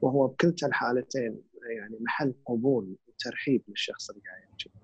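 A man with a Gulf Arabic accent talks through feelings and grief in a calm, explanatory way, dropping in English words. His voice is husky and his words come very fast. The sound is dry and close. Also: medium pitch, dry recording, dull audio. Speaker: guest speaker on grief and emotions. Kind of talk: reflective conversational explanation.

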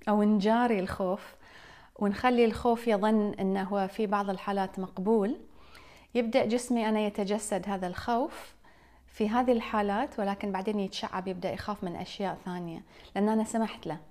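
A woman's voice: medium pitch, fairly even intonation, fast, a little mellow. A woman and mother, talking casually and reflectively to her live stream viewers, putting questions straight to them. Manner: reflective, questioning, addresses listeners directly.

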